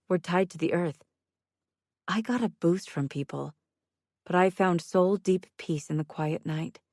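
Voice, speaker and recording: A woman reads a first-person audiobook in a low, gravelly voice. Her storytelling is measured and intimate, and the recording is close and dry. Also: a little mellow, no echo. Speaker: audiobook narrator.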